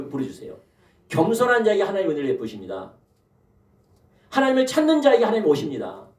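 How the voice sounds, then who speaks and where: A man preaching a sermon as pastor, throwing rhetorical questions to the congregation and calling for amens. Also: high voice. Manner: animated preaching with rhetorical questions and calls of amen. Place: church sanctuary. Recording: echoey church hall from a distant mic.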